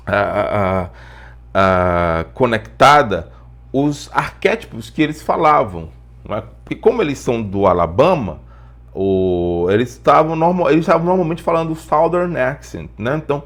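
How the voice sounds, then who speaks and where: An English teacher with a Brazilian accent explains things in an informal lesson by telling personal stories, asking rhetorical questions and repeating phrases to stress them. His voice is mid-range with a fairly bright tone.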